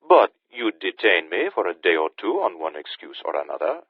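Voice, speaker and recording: A man voicing a suave, menacing male Haitian sorcerer villain with a Caribbean-tinged British accent, speaking smoothly and mockingly over a phone line. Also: deep voice, very animated, normal speed, no echo, heavily acted. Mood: smug menace. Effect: phone line filter.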